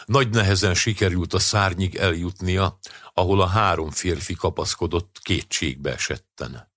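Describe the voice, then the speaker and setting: Deep husky male story narrator. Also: a bit bright, no room sound, clean studio sound. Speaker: audiobook narrator. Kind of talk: scripted narration of a short story.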